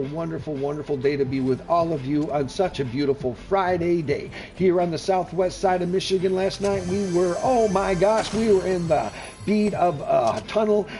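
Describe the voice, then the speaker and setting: A middle-aged man streams a game with casual live commentary, rambling in a folksy, warmly effusive way and repeating himself. His voice is fairly high and mellow, with a little hiss or hum on the recording.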